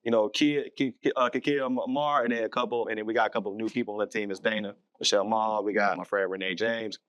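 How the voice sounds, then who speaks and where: A man's voice: on the low side, steady tone, fast, a bit bright, no echo, dull audio. A man from the US South, a filmmaker guest chatting on a podcast, rambling and self-correcting with easy laughs. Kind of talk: casual podcast interview.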